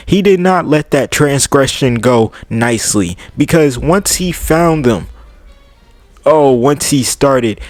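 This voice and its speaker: Slangy, animated young man. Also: on the high side, dry recording. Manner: animated, swearing, slangy storytelling. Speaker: anime commentator. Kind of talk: casual commentary.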